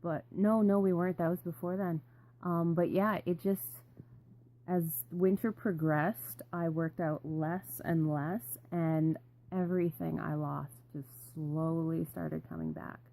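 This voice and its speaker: A woman's voice: fairly low pitch, fairly even intonation, measured pace, gravelly, warm tone. A young adult woman rambling casually in a vlog, full of ums and likes. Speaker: vlogger.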